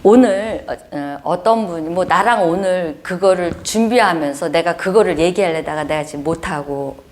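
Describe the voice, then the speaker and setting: A woman preaching a sermon, telling stories in an animated way with frequent laughter. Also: lowish voice, moderate pace, slight background noise.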